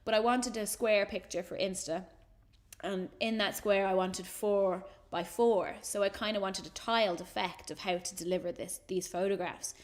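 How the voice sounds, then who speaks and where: A woman's voice: mid-range voice, normal speed. Chatty Irish woman telling a story. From Ireland. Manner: chatty, animated, acts out quoted voices. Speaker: photographer giving a talk. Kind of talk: casual storytelling presentation.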